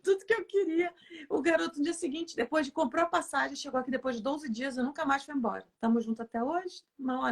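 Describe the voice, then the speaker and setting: A woman telling a personal story as a guest in a casual, spiritual chat. She talks in an animated way and laughs often. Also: high voice.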